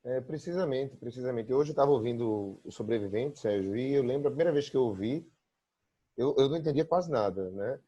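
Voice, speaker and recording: A man's voice: medium pitch, lively intonation, a little fast, mellow, breathy edge, lo-fi sound. A man with a Brazilian Portuguese accent interviewing a musician, chatty and fond of tag questions. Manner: chatty, frequent "né?" tags. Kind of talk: casual interview chat.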